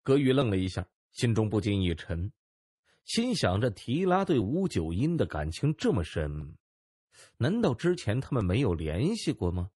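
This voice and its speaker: Expressive male audiobook narrator. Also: lowish voice, moderate pace, breathy edge, dry recording, clean studio sound. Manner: expressive storytelling. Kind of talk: scripted narration.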